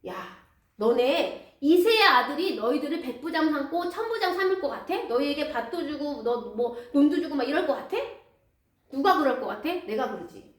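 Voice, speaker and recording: A woman's voice: high-pitched, expressive, normal speed. A woman acting out an angry, paranoid old king who scolds and threatens his servants. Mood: threatening. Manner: shouting, scolding rhetorical questions. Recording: echoey church hall, mic far off.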